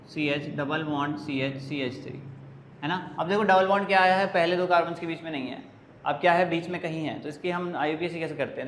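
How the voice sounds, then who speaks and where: A fairly high-voiced male chemistry teacher explaining step by step. He asks his own questions and answers them, counting atoms aloud. The room echoes and there is a faint hiss behind him. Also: fairly bright tone. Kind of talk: classroom lecture, explaining step by step.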